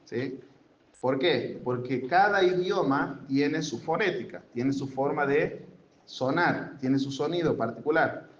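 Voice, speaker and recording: Slow, patient man teaching in a roomy hall. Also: mid-range voice. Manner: keeps checking understanding with tag questions; patient, explains step by step with examples. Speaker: Sunday school teacher. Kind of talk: classroom grammar lesson. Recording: roomy, dull lo-fi with faint room noise.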